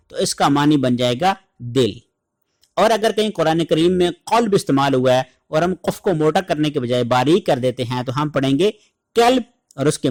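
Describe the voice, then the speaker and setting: A man teaching Quran recitation in an online lesson, explaining letter sounds and then reciting verses in a slow, drawn-out chant. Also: on the high side. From Pakistan.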